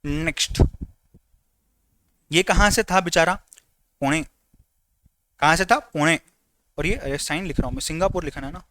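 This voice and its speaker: A man teaching a live online lecture in a lively, teasing way, often repeating his instructions. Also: fairly high pitch, normal speed, long pauses, dry recording.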